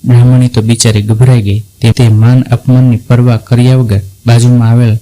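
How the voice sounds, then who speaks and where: A man reads a devotional folk story aloud, keeping his delivery level and unhurried. His voice sits in a mellow, darkish register and barely rises or falls, so the story moves along in one steady line. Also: mid-range voice, rough recording. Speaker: narrator. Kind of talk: scripted devotional story narration.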